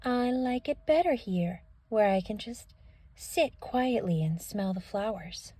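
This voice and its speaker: A woman voicing a gentle, quiet young bull from a children's storybook, soft and dreamy. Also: medium pitch, lively intonation, unhurried, a little hiss or hum, close to an everyday voice. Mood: content, dreamy. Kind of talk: children's storybook read-aloud.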